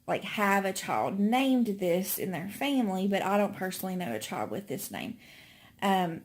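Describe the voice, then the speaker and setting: Young woman, casual home vlog, slow, rambling, a touch breathless. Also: medium pitch, a little mellow. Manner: rambling, filler-heavy, friendly. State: slightly out of breath. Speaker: vlogger. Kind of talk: casual chat to camera. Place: home indoors. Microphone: phone camera.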